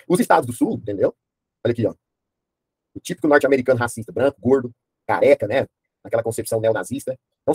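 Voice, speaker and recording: A man teaching a history class online in a fast, casual way, often asking his students questions and using slang. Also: fairly high pitch, darkish tone, slightly rough, dry recording.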